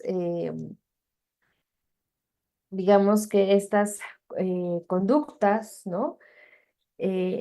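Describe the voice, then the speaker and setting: A woman's voice: mid-range voice, a little mellow. A woman with a Mexican accent giving an informal webinar lecture to parents, talking conversationally with frequent tag questions and filler words. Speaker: webinar presenter and teacher.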